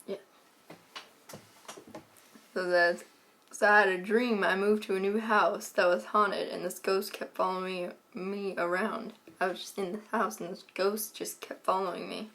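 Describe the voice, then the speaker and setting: A woman's voice: medium pitch, a little slow. Rambling woman telling a dream. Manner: rambling storyteller, lots of "like", deadpan asides. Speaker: co-host. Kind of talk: casual chat.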